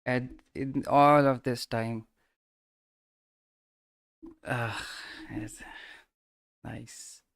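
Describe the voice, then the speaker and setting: A man's voice: medium pitch, steady tone, extremely slow, vocal fry, pauses often, no room sound, studio quality. A man streaming live trades, muttering to himself and breaking into short exclamations as prices move. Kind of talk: casual live commentary.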